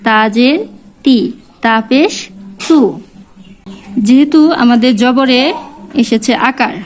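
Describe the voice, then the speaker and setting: A woman teaching Quran reading step by step, slowly repeating each syllable in drills. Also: high voice, poor audio. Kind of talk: step-by-step lesson.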